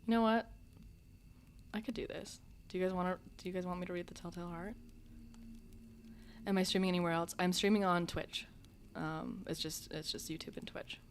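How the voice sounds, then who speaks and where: With a lowish voice and fairly even intonation, a woman hosts a livestream, talking fairly quickly but pausing often. She chats casually and soothingly with her viewers, addressing chat directly and teasing them and herself. A little hiss or hum is audible.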